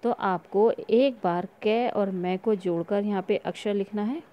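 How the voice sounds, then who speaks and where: A woman teaching a recorded online class to young children, reading words slowly and clearly for them to repeat. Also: medium pitch, lo-fi sound. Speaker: school teacher.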